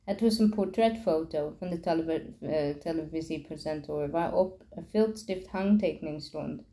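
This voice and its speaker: Mellow woman stumbling through a read-aloud. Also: low voice, normal speed. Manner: stumbling reading with frequent restarts. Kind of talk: reading a children's novel aloud.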